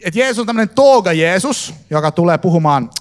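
A man giving a lively sermon to a congregation in a church hall, talking to them directly. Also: high-pitched. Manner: lively, fillers and restarts, addresses congregation directly. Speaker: preacher. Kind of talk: live sermon teaching.

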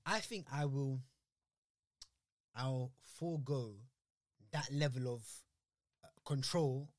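A man's voice: medium pitch, takes it slowly, no room sound, clean studio sound. A young adult man with a London roadman accent, chatting casually with a friend in street slang. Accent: London, urban street slang.

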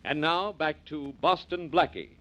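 Measured 1940s radio announcer, man. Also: a little high, sharp tone. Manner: measured, formal recap delivery. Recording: dull old radio broadcast with faint music.

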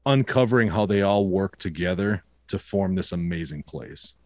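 A man with a Minnesota accent chats casually, telling warm stories with frequent restarts and repeated words. His voice sits low, with lively intonation and a moderate pace. The recording is studio quality with no echo.

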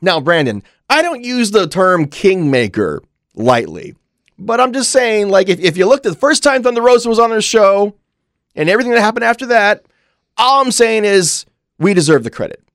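A man chats casually as a podcast co-host. His voice is fairly high, he leans on words and repeats phrases for emphasis, and the recording is dry and close. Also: big pitch swings, moderate pace, a bit bright, dry recording. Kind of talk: casual wrestling banter.

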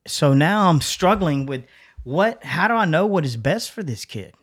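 A man's voice: a little high, big pitch swings, moderate pace. A middle-aged man co-hosting a podcast, telling a personal story in a casual, earnest way that rambles and restarts. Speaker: podcast co-host.

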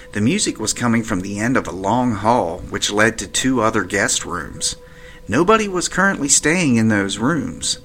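A man narrating his own paranormal investigation in a measured, matter-of-fact way. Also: on the low side, bright, forceful tone, a little hiss or hum. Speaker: podcast narrator. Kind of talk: first-person paranormal storytelling.

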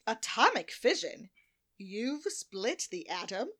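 A woman's voice: on the high side, very animated, slow, fairly bright tone, heavily acted. A woman voicing a cool, scheming villain mastermind in a comic radio play, speaking in clipped, menacing tones. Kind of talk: comic old-time radio play acting.

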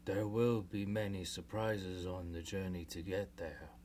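Wise old storybook owl, male, hushed and slow, deep and soft, put on by a woman narrator. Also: steady tone, slight background noise. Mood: solemn.

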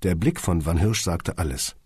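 Reading a scripted audiobook, this male narrator has a low, husky voice with a darker tone and a normal pace. He delivers the text with dry, wry wit and sometimes talks straight to the listener, with no echo in the recording.

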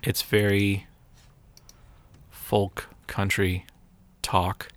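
A young man co-hosting a podcast, talking casually and rambling with restarts and laughs. His voice sits a bit low. The sound is close and dry, with no room around it. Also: little pitch movement, drawn-out words, no echo. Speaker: podcast co-host. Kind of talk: casual chat.

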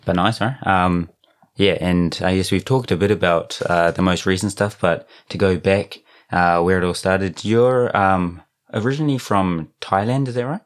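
A man's voice: low voice, normal speed. A man with a New Zealand accent interviewing a guest in an easygoing, casual way, with lots of fillers. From born in Japan, raised in New Zealand. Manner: easygoing, filler-heavy, laughs along.

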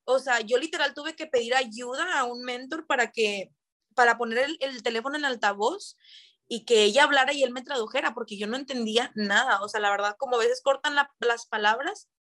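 A woman's voice: on the high side, a little fast, sharp tone. Chatty woman on a podcast. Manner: chatty, rambling with many fillers. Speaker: podcast co-host. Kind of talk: casual podcast chat.

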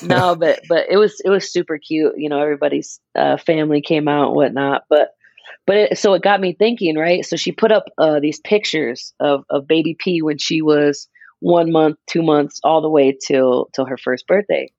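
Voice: mid-range voice, normal speed, creaky, darkish tone, no echo, dull audio. A person in their mid-twenties chatting casually on a podcast, rambling and restarting as they explain an idea. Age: 20s. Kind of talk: casual chat.

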